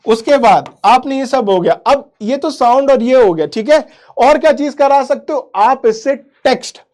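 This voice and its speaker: A man's voice: extremely high pitch, a little mellow. Man teaching a live online class. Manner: quizzes the chat, calls students "beta", repeats "theek hai"; mixes English into explanations.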